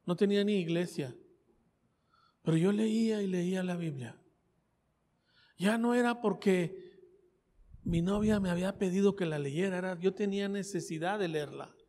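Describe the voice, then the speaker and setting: A man's voice: sits high, normal speed, pauses often, darkish tone. A man with a Mexican accent preaching a sermon with his own testimony, talking conversationally, repeating phrases and asking his listeners questions. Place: church. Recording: reverberant church hall.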